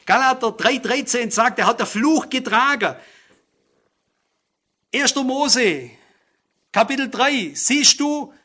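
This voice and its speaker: Male preacher, earnest and emphatic, high voice. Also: bright, forceful tone. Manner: earnest, emphatic, addresses listeners directly. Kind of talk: sermon.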